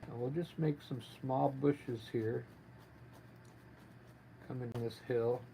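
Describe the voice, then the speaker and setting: Gentle painting teacher guy, kinda gravelly voice, chatting through a livestream tutorial, bit of noise behind him. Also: mid-range voice, steady tone, slow pace. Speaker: painting instructor, livestream artist. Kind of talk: casual live painting tutorial. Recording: noticeable background noise, live stream.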